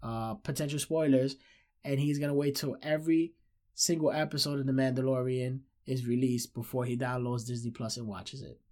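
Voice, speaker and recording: A man's voice: medium pitch, flat delivery, normal speed, warm tone. A man in his thirties with a nasal, stuffed-up voice, a little short of breath, hosting a casual pop-culture podcast and leaning on repetition for emphasis. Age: 30s. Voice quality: nasal, congested. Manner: emphatic repetition, addresses listeners as guys. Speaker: podcast host.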